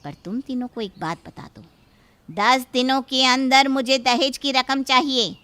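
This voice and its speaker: In a Hindi cartoon story, a woman voices a domineering, greedy middle-aged mother-in-law who scolds in a haughty, threatening manner. Her voice is high-pitched and bright with a forceful tone, delivered at a measured pace, with slight background noise.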